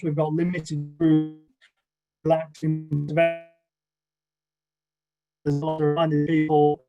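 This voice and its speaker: A man speaks over a video call whose audio keeps glitching and dropping out. He talks with a fairly high, mellow voice. His briefing is hesitant and full of ums and restarts. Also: rough recording. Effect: glitching, cutting-out video call audio. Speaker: public health speaker. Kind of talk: online briefing talk.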